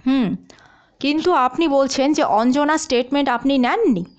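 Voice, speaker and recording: A woman voicing a sharp male police chief who asks probing, clipped questions. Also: high voice, normal speed, dull audio, close to an everyday voice.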